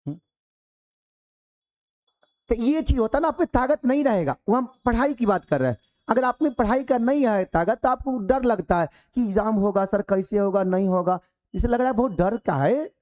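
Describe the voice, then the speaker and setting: A male teacher giving a lively classroom lecture, animated and preachy, full of rhetorical questions. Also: extremely high pitch, moderate pace.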